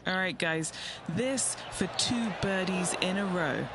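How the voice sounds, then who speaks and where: A man's voice: high-pitched, animated, slow pace. A man giving golf commentary as a reporter describing the shot ahead. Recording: noisy ambience behind.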